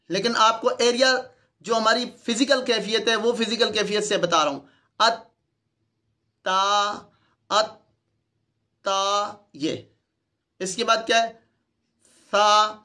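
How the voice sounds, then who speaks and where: A man with a Pakistani Urdu accent teaches letter pronunciation in an online lesson, speaking into a close mic. His voice sits high and carries a bright edge. He repeats each sound patiently for demonstration. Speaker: Quran teacher.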